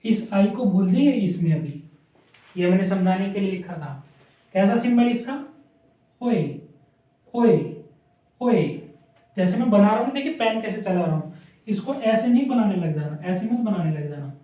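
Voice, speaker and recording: A man's voice: high-pitched, animated, normal speed. A man teaching a shorthand lesson, repeating sounds aloud as he draws strokes. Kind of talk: classroom lesson. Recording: echoey room from a distant mic, dull.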